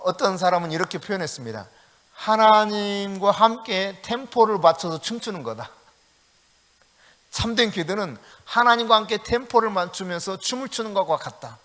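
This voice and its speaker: A man's voice: sits high, sharp tone, long reverb tail. A middle-aged male pastor from South Korea preaching at an evening prayer meeting, acting out prayers and quoted speech with rising emphasis and laughing often.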